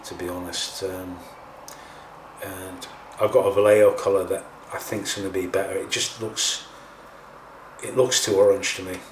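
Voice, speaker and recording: Male hobby tutorial host, lowish pitch, informal and hesitant, picked up from a distance with faint noise. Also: little pitch movement, moderate pace, roomy sound. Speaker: host of a scale model painting tutorial. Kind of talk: casual hands-on tutorial talk.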